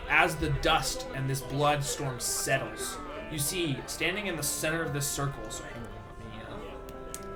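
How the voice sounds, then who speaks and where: A man acting as game master, narrating a tabletop roleplaying game and giving rulings to players. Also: mid-range voice. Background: music.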